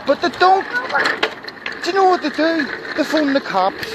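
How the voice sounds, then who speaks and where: A man in his thirties ranting profanely and heatedly to his followers in a rambling livestream outdoors. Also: high-pitched. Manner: profane, heated and rambling, with repeated asides and restarts. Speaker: page admin addressing followers. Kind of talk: angry livestream rant. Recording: loud outdoor background noise.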